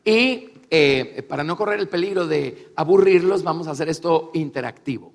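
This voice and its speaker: High-voiced male interpreter in a reverberant hall. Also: normal speed, vocal fry. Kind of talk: consecutive interpreting of a religious talk. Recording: echoey hall, long reverb.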